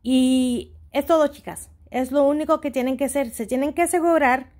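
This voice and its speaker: The host of a shopping tutorial channel, a woman, speaks Spanish with some English words mixed in as she guides viewers step by step, casual and somewhat hesitant. Her voice is high and darkish, with fairly even intonation and a moderate pace.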